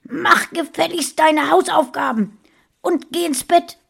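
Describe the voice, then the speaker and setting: A woman's voice: high-pitched, measured pace, creaky, pitched above the performer's own voice, exaggerated voice. A woman reading a storybook voices a harsh mother who scolds her son. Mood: scolding. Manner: sharp, scolding.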